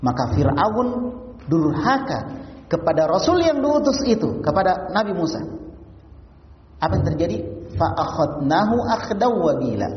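A man's voice: sits high, big pitch swings, fast talker, pauses often. A man giving a mosque sermon. He recites Arabic verses, translates them, and keeps asking the congregation rhetorical questions. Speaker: preacher. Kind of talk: mosque study-circle sermon. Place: mosque hall. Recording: distant, echoey, dull-sounding hall recording.

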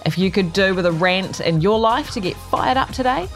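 New Zealand woman with swooping, animated pitch. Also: normal speed, soft background music. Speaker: talk show host. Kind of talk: opinionated solo rant, conversational.

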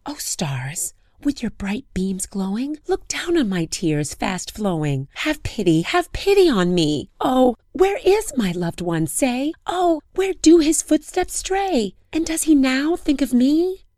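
A woman voicing a grieving, lovesick young princess in captivity, chanting her pleas in slow, high, singsong verse. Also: sing-song, mellow, no echo, clean studio sound, full character voice. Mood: plaintive pleading.

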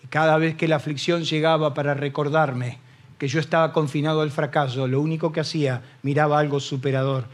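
A middle-aged man with a Rioplatense Spanish accent preaching a sermon as pastor, lively and acting out the voices of people he quotes. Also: fairly high pitch, a little fast.

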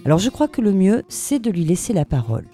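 A woman's voice: medium pitch, big pitch swings, fast talker, mellow, soft background music. A woman hosting a radio chronicle from a studio, speaking in a polished way with some hesitant fillers. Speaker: radio host.

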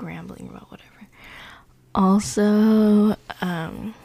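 Soft, slow, gravelly teen girl rambling. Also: on the low side. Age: teens. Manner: rambling, halting, heavy on fillers. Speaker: podcast host. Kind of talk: casual chat.

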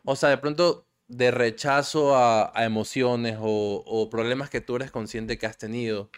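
A man in casual chat, asking a question haltingly while searching for words. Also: mid-range voice, steady tone, smooth.

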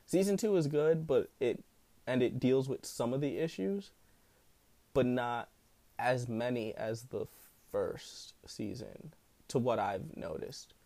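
A man speaks casually into a solo podcast in a smooth, mid-pitched voice. His talk rambles along loosely, peppered with slang and profanity. The sound is dry, with no room echo. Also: slow pace, warm tone. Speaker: podcast host.

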